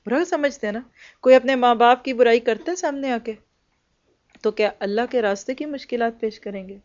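A woman gives an earnest, exhorting religious lecture as a Quran teacher. Her voice is smooth, clear and somewhat high. The recording sounds slightly dull and lo-fi. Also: a little fast, darkish tone. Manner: earnest, exhorting, mixing in English words.

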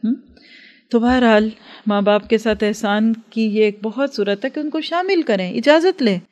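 A woman's voice: a little high, moderate pace, darkish tone. A woman giving an earnest religious lecture to a class, advising and acting out everyday dialogues. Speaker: religious teacher.

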